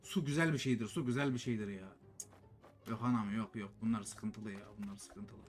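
A man's voice: on the low side, normal speed, faint music behind. A young man commentating his own game play, muttering to himself and bursting into frustrated, exasperated outbursts. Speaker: gaming YouTuber. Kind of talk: Roblox let's play commentary.

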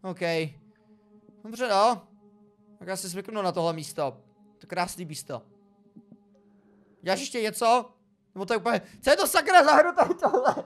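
High-voiced excitable man commenting on a game. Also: long pauses. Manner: excitable, exclamatory, talking to viewers. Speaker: gaming video creator. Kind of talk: let's play commentary. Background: faint background music.

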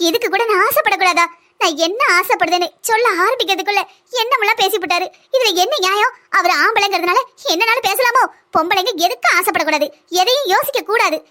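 A woman doing a sharp-tongued, aggrieved village mother. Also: extremely high pitch. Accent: southern Tamil (Kanyakumari-Tirunelveli). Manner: lamenting, scolding monologue. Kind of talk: cartoon voice acting.

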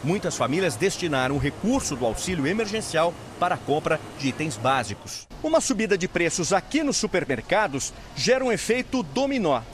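A male TV reporter reads his news report in a measured, even way. His voice sits a little high for a man. Clear background noise runs under the narration. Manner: measured, steady delivery. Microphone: handheld microphone.

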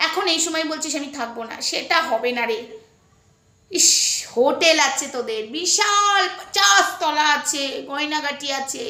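Woman, sarcastic scolding rant, high voice, echoey room. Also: moderate pace, pushed and bright. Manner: heated, spits and jeers. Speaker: vlogger.

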